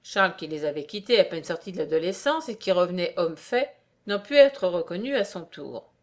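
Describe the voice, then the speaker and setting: A woman reading an old-fashioned story aloud in a measured, formal way. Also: on the low side, big pitch swings. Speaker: reader.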